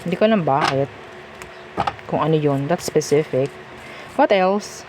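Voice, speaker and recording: Chatty Filipina tarot reader, low voice. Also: female voice, measured pace, background noise. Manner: chatty, reassuring, mixes Tagalog and English, frequent "okay?". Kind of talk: casual tarot reading monologue.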